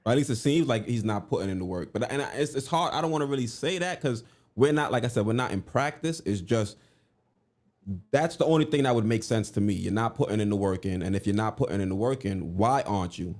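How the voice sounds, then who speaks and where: A man co-hosting a live sports stream, chatting casually and reading out viewer comments in a relaxed, conversational way. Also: lowish voice, quick pace. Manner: laid-back, conversational, lots of fillers. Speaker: co-host of a live sports show.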